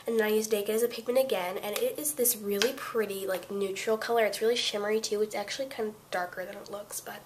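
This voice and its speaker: A woman's voice: medium pitch, fairly even intonation, quick pace, few pauses, noisy background. Stuffy-nosed teenage girl rambling through a tutorial. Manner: rambling, chatty, full of fillers and self-corrections. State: congested from a cold. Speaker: beauty vlogger. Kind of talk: casual makeup tutorial.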